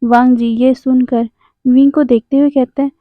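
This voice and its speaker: Woman storyteller, high voice, plain pausing narration, tinny phone-like sound, dry. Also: level tone, no room sound. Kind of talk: storytelling narration of fan fiction.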